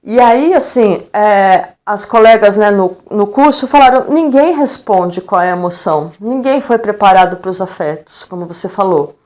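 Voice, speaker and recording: A woman's voice: medium pitch, normal speed, hardly any pauses. A middle-aged woman with a Brazilian Portuguese accent, a guest educator telling stories in a live-stream interview and acting out the dialogue she quotes. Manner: lively storyteller, acts out quoted dialogue, frequent tag questions.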